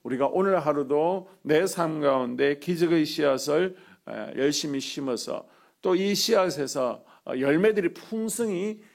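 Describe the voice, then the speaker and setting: A man preaching a sermon as a pastor, earnest, with many drawn-out "ah" fillers between phrases. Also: on the high side, creaky.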